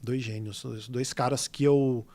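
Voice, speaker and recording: A guest illustrator from São Paulo state, Brazil, tells stories in a casual podcast interview, speaking São Paulo Portuguese in a mid-range voice at a slightly slow pace. His storytelling is animated and rambling, with many fillers.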